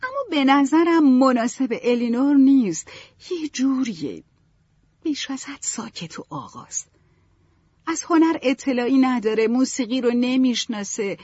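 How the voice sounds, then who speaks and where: A woman's voice: high-pitched, a little mellow, breathy edge, dry recording, pitched above the performer's own voice. A woman voicing a passionate, dramatic young woman in a storybook reading, talking in sweeping, emotional bursts. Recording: dull, dry, lo-fi.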